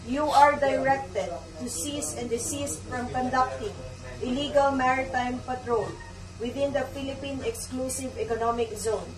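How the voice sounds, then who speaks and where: A woman's voice: sits high, normal speed, music in the background. A woman coast guard radio operator giving a firm, formal warning over a marine radio transmission. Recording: distant echoey marine radio.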